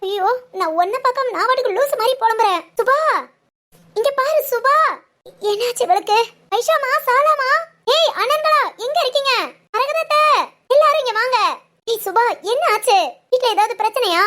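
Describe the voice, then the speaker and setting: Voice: very high voice, normal speed, fairly bright tone. A performer voicing a playful, teasing young village woman in a cartoon. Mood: worried. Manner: teasing, chatty. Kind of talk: Tamil cartoon voice acting.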